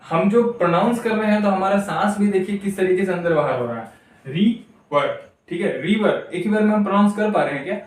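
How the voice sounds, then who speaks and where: High-voiced man lecturing in an echoey room. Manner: repeats words slowly, syllable by syllable. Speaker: English teacher. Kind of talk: classroom lecture. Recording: very echoey room, mic far off.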